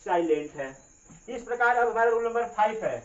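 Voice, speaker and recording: A male teacher in a coaching classroom, heard from well away from the mic in a roomy, echoing space. The sound is dull and muffled. He spells words out slowly and keeps asking questions that he answers himself. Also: extremely high pitch, animated. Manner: slow, repetitive spelling out of letters. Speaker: English grammar teacher. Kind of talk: classroom lesson. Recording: distant, roomy, dull recording.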